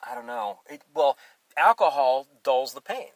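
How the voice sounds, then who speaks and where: A man with an average-pitched voice talks loosely in a casual discussion. He hesitates, fills gaps with "you know" and often restarts his sentences. The sound is dry, with no room echo. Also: expressive, moderate pace.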